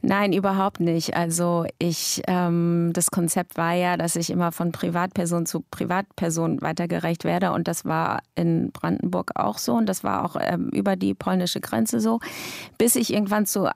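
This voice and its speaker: Woman, author guest, low gravelly voice, dry close sound, pauses to think. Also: level tone, darkish tone, dry recording. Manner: thoughtful, many hesitations. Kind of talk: reflective interview answers.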